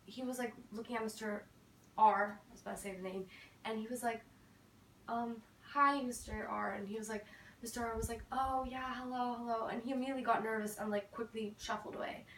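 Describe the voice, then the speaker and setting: A woman's voice: fairly high pitch, steady tone, quick pace, roomy sound, far from the mic, slight background noise, poor audio. A teenage girl chatting casually in a storytime vlog, full of fillers and quoted asides. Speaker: vlogger.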